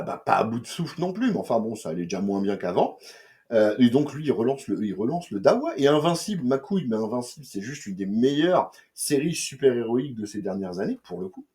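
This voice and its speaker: A young man talks through comics in a loose, slangy ramble, full of fillers, restarts and jokes. His tone is mellow and soft-edged. His pitch leaps up and down animatedly. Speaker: comics reviewer. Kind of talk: casual chat.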